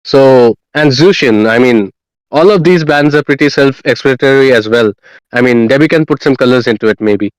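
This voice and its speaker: A man casting an esports match, opening with energetic, hype-building introductions and then talking through the draft. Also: medium pitch, moderate pace, clean tone, no room sound, low-quality recording. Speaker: esports caster. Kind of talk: play-by-play esports commentary.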